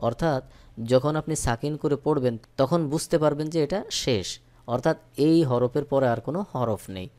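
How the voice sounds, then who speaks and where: Male recitation tutor, a smooth resonant voice at mid pitch, who calls out letters and vowel marks, then recites slowly. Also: a little mellow. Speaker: Quran recitation teacher. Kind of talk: spelling-out tajweed lesson.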